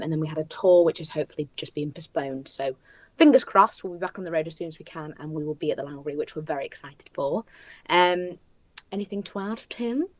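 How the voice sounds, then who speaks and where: Low-pitched woman, chatty and upbeat, talking casually about her new musical. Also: no echo. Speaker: musical theatre writer and co-creator. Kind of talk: casual chat.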